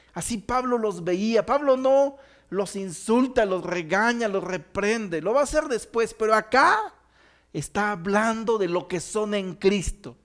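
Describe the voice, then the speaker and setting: A man leads a Bible study in an earnest teaching voice. His voice sits high for a man, and he slows down to lean on the words that matter. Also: a bit bright.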